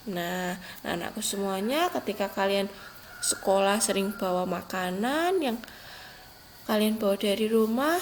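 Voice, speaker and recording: A young woman, teaching a lesson to small children in a patient, gentle way and reading example sentences with lifted emphasis. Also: medium pitch, expressive, measured pace, pauses often, slight background noise, rough recording. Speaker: primary school teacher. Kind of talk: recorded online class lesson for young children.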